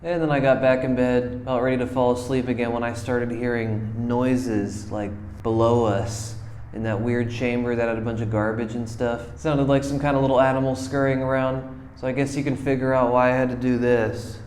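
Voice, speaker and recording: A man's voice: mid-range voice, flat delivery, moderate pace, darkish tone, slight background noise. A man narrating a casual travel vlog, chatty and informal, talking straight to his viewers. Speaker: travel vlogger.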